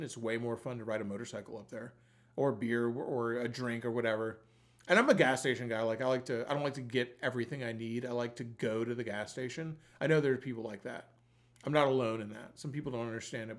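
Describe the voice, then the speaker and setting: A man's voice: medium pitch, steady tone, fast talker. Casual, sweary man hosting a livestream. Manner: sweary, informal, colloquial. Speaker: livestream giveaway host. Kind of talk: casual rambling livestream chat.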